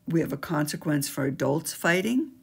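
Gravelly and slightly rough, her low voice comes across animated at a normal speed. She's an older woman from the school staff, speaking emphatically in a sing-song teacher's tone as she explains gym rules for an instructional video, recorded on her desk webcam in a small office.

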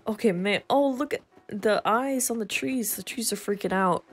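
A woman doing casual let's-play commentary and reading game dialogue aloud haltingly, mixing English with learner French and bursting into excited exclamations. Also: mid-range voice. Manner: reads dialogue slowly and haltingly, with stumbles. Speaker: gamer playing through a video game. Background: faint video game music.

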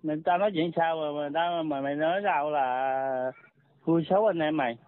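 A man's voice: a little high, moderate pace, no room sound. A man arguing heatedly on a phone call, blunt, insulting and threatening. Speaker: caller. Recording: tinny phone line, dry.

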